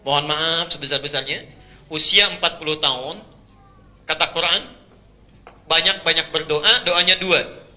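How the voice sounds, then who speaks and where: A man preaching a sermon, swinging from loud emphatic calls to hushed storytelling and slowly chanting scripture verses. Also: a little high, fairly even intonation.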